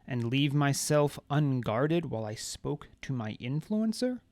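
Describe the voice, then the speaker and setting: Man doing cold bored mage, droning, gravelly, dry close sound. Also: medium pitch, big pitch swings, unhurried, a little mellow, no echo. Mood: curt. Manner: disinterested drone.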